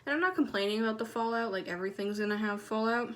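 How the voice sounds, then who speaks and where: A soft, quiet-spoken woman chatting casually through a makeup tutorial, recorded on a phone. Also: on the high side, fast talker. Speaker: beauty vlogger.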